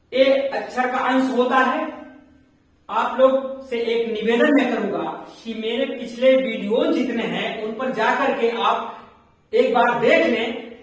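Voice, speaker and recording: Slow echoey male grammar teacher. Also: very high-pitched, fairly bright tone. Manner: slow, deliberate explanation with repeated examples. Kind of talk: classroom grammar lesson. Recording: very echoey room, voice far from mic.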